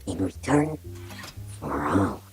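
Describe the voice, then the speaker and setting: Cartoon haunted bear robot, very deep and slow, lively swings in pitch. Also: over music, full character voice. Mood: grim. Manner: slow, heavily lowered, drawn-out delivery. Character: ghostly animatronic bear spirit, vengeful and grim. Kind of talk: fan animation voice acting.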